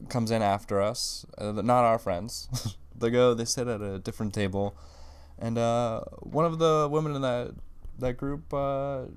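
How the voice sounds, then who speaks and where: A man chats on a casual podcast. He rambles through his stories with plenty of fillers, in an everyday mid-pitched voice. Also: clear, resonant tone. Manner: rambling storytelling with many fillers. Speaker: podcast co-host.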